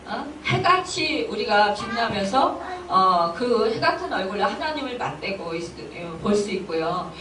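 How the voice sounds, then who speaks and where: A woman's voice: medium pitch, very animated, a little slow, few pauses, noisy background. A woman pastor delivering a Sunday sermon, earnest and emotional, often acting out her own inner voice with rising exclamations. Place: church hall. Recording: echoey church from a distant mic.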